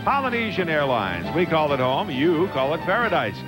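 A man with a booming, polished delivery, announcing prizes as an excited game show announcer. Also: moderate pace. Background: music.

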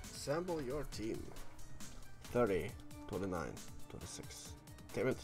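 A man's voice: fairly low pitch, sing-song, a little slow. A man giving casual gameplay commentary, muttering and swearing offhand as he plays. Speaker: gamer recording gameplay. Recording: game music behind voice.

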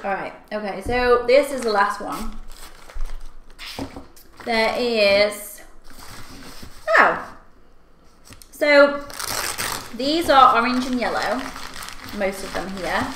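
A young woman chatting casually to camera as she tastes and eats candy, with expressive, exclaiming reactions. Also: a little high, takes it slowly, pauses often. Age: young adult. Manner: talking while eating candy and snacks. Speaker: video host. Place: small furnished room at home, indoors. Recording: echoey room, clear background noise.

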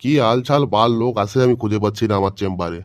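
A man's voice: lowish voice, quick pace, dry recording, studio quality, lightly acted. A man doing a curt, grumbling quack doctor. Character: brusque middle-aged quack ayurvedic doctor. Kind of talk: cartoon voice acting.

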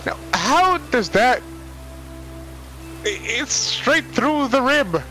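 Bright-voiced man joking through gameplay. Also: extremely high pitch, big pitch swings, very slow, soft background music. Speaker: gamer guiding a co-op partner. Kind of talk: casual gameplay chat and commentary.

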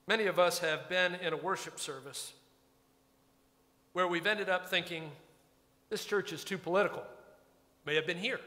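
Preaching from the pulpit, this pastor's voice sits high, bright and forceful, his sermon conversational with a wry, reflective streak. The church sanctuary lends the recording a long reverb.

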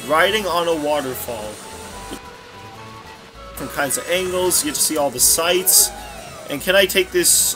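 A young man giving casual, rambling commentary while playing a racing game, often correcting himself mid-sentence. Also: on the high side. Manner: rambling, scatterbrained, self-correcting. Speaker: let's play commentator. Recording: game music playing behind.

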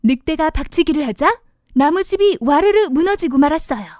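This high-voiced woman reads a children's storybook at a moderate pace, animated and expressive, with wide pitch swings and simple language suited to young kids. A little hiss or hum sits in the background.

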